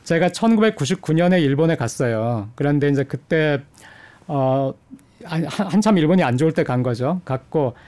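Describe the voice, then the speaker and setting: Thoughtful middle-aged man, mellow tone. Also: fairly high pitch, lively intonation. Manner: measured, thoughtful, with frequent hesitation fillers. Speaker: economics professor, studio guest. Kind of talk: explanatory interview answers.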